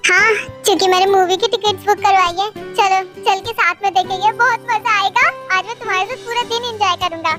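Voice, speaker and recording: A woman's voice: very high voice, steady tone, fairly quick. A young woman playing an affectionate young man. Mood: reassuring. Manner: warm, reassuring. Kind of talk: storybook voice acting. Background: faint background music.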